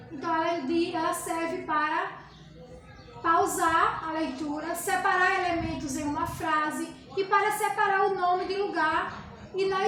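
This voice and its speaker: A woman teaching a grammar lesson to children, patiently explaining and answering her own questions. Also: very high voice. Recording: echoey room with clear background noise.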